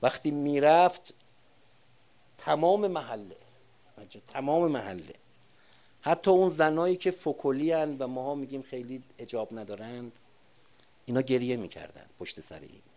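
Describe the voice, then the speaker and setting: An older man giving a sermon, moving between quiet personal recollection and loud, emphatic preaching. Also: medium pitch, long pauses. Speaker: religious speaker. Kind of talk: sermon with personal war memories.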